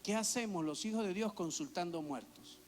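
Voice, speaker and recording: A man, a pastor, preaching a sermon in an animated, storytelling way. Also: high-pitched, moderate pace, soft background music. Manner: animated storytelling with acted-out quotes.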